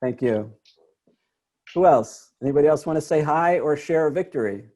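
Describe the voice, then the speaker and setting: A man's voice: a little high, animated, normal speed, dark tone. A man leading an online self-help workshop over a video call, explaining ideas step by step in an earnest, encouraging way. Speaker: workshop leader.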